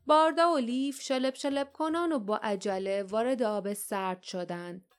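A woman reading an adventure story aloud as an audiobook narrator, with steady storytelling. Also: fairly high pitch, faint music behind. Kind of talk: scripted narration.

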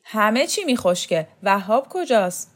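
A woman's voice: medium pitch, very animated. A woman voicing a proud, blunt circus strongwoman who talks in a brash, commanding way.

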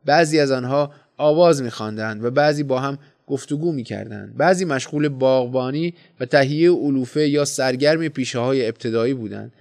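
A man narrates a literary tale in a measured, deliberate reading voice. His pitch sits in an ordinary middle range for a man. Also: creaky, darkish tone. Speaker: audiobook narrator. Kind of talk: scripted story narration.

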